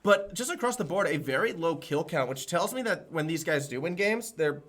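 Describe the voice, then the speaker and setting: Aussie analyst caster, rapid-fire, slightly high, detailed breakdowns. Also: male voice, lively intonation, a bit bright. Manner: analytical, talks fast in long explanations. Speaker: esports caster. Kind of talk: live esports analysis.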